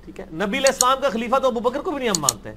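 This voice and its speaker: Man, high voice, blunt and argumentative scholar fielding questions. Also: sing-song, a crowd in the background. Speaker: religious scholar answering questions. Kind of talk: question-and-answer session.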